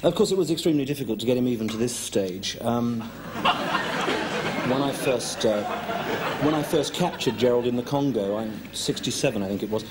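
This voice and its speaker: A man's voice: mid-range voice, fairly quick, very noisy, close to an everyday voice. An actor playing a bumbling, huffy male professor who keeps a gorilla, in a television comedy sketch. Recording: archive TV sketch, studio audience laughter.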